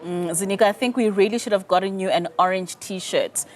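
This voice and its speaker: A woman's voice: medium pitch, fairly quick. A woman anchoring the news, handing over conversationally with light banter.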